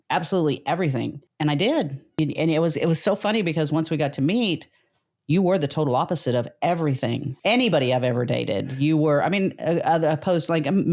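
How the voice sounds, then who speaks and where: A woman's voice: low-pitched, darkish tone. A middle-aged woman co-hosting a casual talk show with her husband, telling stories in a rambling, candid way. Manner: rambling, candid, country-flavored storytelling. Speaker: podcast co-host.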